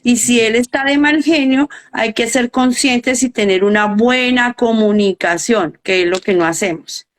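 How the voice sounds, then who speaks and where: A woman's voice: fairly high pitch, a little slow, few pauses. A middle-aged woman, a coach and educator, earnestly explaining her ideas in a live interview and often asking rhetorical questions.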